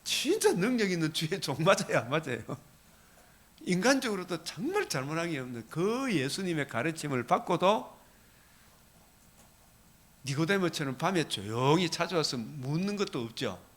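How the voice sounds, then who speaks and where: A man's voice: fairly high pitch, very animated, moderate pace, fairly bright tone. An older man with a Gyeongsang accent preaching an early-morning sermon, asking the congregation rhetorical questions. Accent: Gyeongsang Korean. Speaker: pastor.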